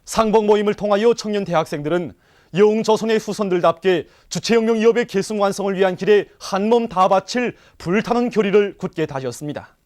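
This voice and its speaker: A male news announcer with a North Korean accent reads scripted narration in a high-pitched voice. His delivery is formal and solemn. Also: a little mellow.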